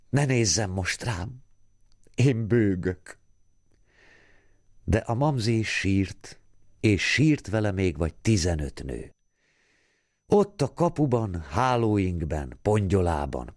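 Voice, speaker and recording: A man reading a literary story aloud as an audiobook narrator, bringing quoted women to life with raised, lively voices. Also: sits low, no room sound, clean studio sound.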